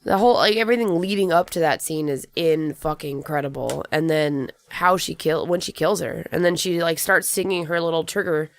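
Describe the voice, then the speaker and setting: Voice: medium pitch, fairly quick, hardly any pauses, no echo. A podcast co-host chatting eagerly about a film, swearing freely. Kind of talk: casual film review chat.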